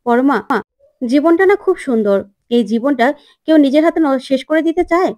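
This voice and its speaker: A woman voicing a gentle, caring young woman who pleads softly and earnestly. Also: high voice, lively intonation, normal speed, no echo. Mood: pleading. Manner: soft, quiet, earnest pleading.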